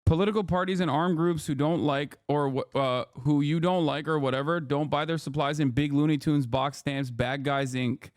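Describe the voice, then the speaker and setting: A man's voice: a little high, steady tone, normal speed, few pauses, smooth, no room sound, studio quality. A man who grew up in Turkey, reacting to news clips on his live stream in a heated, sarcastic and profane way.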